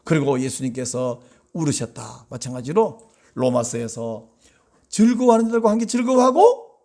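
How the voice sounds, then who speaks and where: A man's voice: normal speed, creaky. A man preaching a sermon as pastor, talking conversationally to the congregation and acting out quoted voices. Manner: animated, acts out quoted voices with big pitch swings; conversational, asks the congregation questions.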